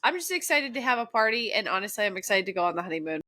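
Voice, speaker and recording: Bright-voiced young woman with stuffy nose. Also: medium pitch, very fast, dry recording. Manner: lively, chatty, laughs often. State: congested, nasal from allergies. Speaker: podcast co-host. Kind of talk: casual chat.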